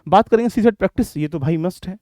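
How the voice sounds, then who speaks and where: A man's voice: high voice, fast talker, mellow, no room sound, studio quality. A man giving a direct, instructive lecture on exam strategy to his students. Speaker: exam coaching teacher.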